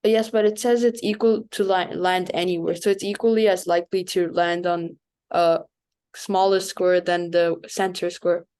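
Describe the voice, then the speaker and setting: A woman's voice: on the low side, level tone, normal speed, a little mellow, clear, resonant tone. A female student questioning the teacher in class, reasoning aloud with restarts. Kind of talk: casual class discussion.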